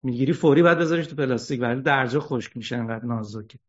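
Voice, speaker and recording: A man giving an ethics lecture, animated, asking rhetorical questions and joking wryly. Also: mid-range voice. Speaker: religious lecturer. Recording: dull lo-fi recording.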